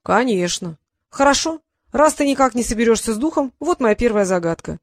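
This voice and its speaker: A woman's voice: fairly high pitch, animated, a little fast, no echo, clean studio sound, voice pushed up. A woman voicing a boastful, pedantic male dragon who loves riddles, speaking in a raised, emphatic, pompous way.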